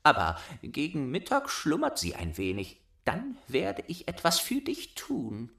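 A man voicing a bold, bossy little robber girl in a storybook reading, speaking high, loud and commanding. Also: huge pitch swings, a little slow, gravelly, heavily acted.

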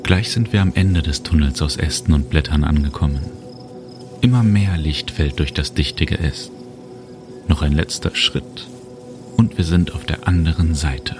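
A man narrating a guided relaxation journey, speaking slowly and soothingly. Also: very deep voice. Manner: slow, calm, soothing. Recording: music bed under voice. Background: music and cricket sounds.

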